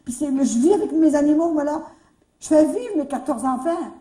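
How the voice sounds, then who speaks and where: A woman's voice: high voice, normal speed. Canadian French woman telling stories in an echoey hall. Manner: animated, repeats words, rising exclamations. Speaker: retreat speaker. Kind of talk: storytelling talk. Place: retreat hall. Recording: echoey room, mic far off.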